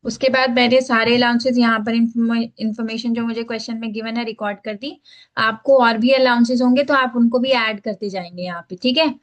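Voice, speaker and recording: A woman's voice: on the high side, steady tone, brisk. A woman teacher walking students through a tax filing form step by step, mixing English phrases into Hindi and checking in often. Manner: explains step by step, repeats "ठीक है" to check in. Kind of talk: screen-share tax filing lesson.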